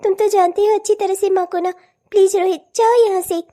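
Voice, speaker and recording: Woman doing a meek young cartoon stepdaughter, pleading, very high but mellow. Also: steady tone, brisk. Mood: anxious. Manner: soft, pleading, tearful. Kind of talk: cartoon voice acting.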